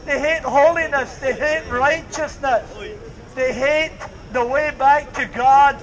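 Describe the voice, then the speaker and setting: Captured from afar by a camera, an older street preacher speaks slowly with an extremely high, steady voice. He holds a mic connected to a speaker in a market square, preaching fervently and repeating himself in the open air.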